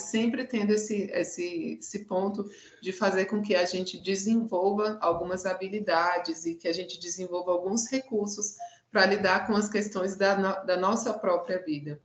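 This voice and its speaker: A woman psychologist with a Brazilian accent gives a live talk in a measured, gentle way. She often pauses and uses fillers. Her voice sits at a middle pitch, and the room adds a clear echo. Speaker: clinical psychologist. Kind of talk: live talk with advice and a story. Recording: echoey room.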